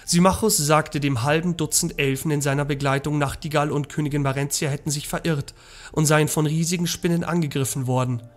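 A man reading a story aloud in an expressive, dramatic way during a game playthrough. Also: fairly high pitch, fairly quick, soft background music. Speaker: let's play narrator.

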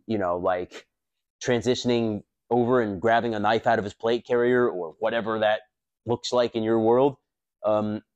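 A man in his thirties hosting a self-defense channel, talking casually and bluntly to camera with lots of fillers and swearing, recorded on a lapel mic in a high-rise room. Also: darkish tone, highs cut off.

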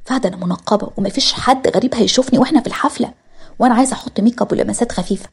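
A stubborn, bubbly young wife in an audio story, arguing in a high insistent voice, voiced by a woman narrator. Husky, fast-talking.

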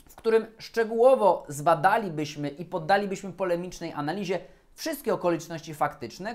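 A lawyer with a high-sitting voice delivers a scripted educational talk about procurement law. His manner is formal, measured and deliberate.

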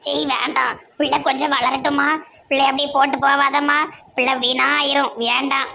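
Woman doing a cartoon village mom, gravelly voice, high pitch, Tirunelveli Tamil accent, plaintive. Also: little pitch movement, moderate pace, pushed and bright, a little hiss or hum, exaggerated voice. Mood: tender. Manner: plaintive, complaining. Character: lonely middle-aged village mother, fretful, self-pitying.

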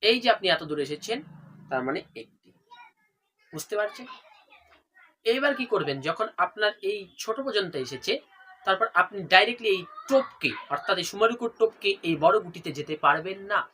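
A man giving a devotional how-to lesson, demonstrating step by step, often asking a question and then answering it himself, and chanting mantras slowly. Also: high-pitched, animated, pushed and bright, a little hiss or hum. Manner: asks rhetorical questions then answers them. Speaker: religious instructor.

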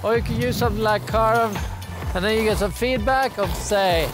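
A man's voice: high voice, normal speed. A young man giving a casual ski lesson to camera, outdoors on a mountain. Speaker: ski instructor. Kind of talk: casual instructional talk to camera. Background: music.

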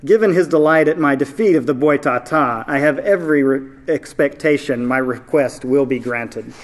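A man's voice: medium pitch, normal speed, natural voice. A man reading aloud, voicing a proud, brusque male expedition leader with a haughty manner.

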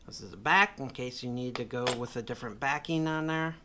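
In his home office, a man who vlogs about motorcycles chats loosely through an unboxing video, frequently correcting himself as he rambles. His voice is medium-pitched and fairly quick against a noisy background.

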